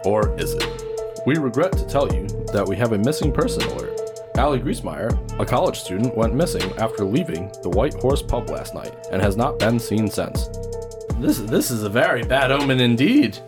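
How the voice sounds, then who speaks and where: A man's voice: medium pitch, very animated, normal speed, over loud music. A man hosting as game master, reading a dramatic scripted "previously on" recap.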